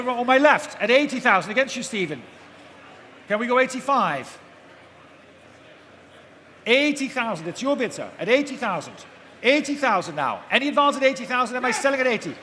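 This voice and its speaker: A man's very high-pitched, bright, forceful voice rings through a big, noisy auction hall as he chants the bids live and urges bidders toward the next figure. A live audience is present, and the amplified sound echoes.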